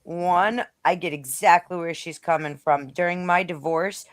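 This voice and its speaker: A woman's voice: on the low side, unhurried, no echo. Blunt woman talking casually, dry sound. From Rhode Island, now Western New York. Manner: blunt, heavy swearing. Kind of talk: casual live discussion.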